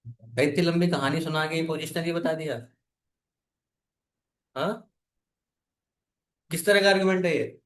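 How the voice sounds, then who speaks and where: A man's voice: a little high, unhurried, pauses often, fairly bright tone. A man teaching a programming class, asking his students questions and waiting for their answers. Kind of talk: classroom coding lesson.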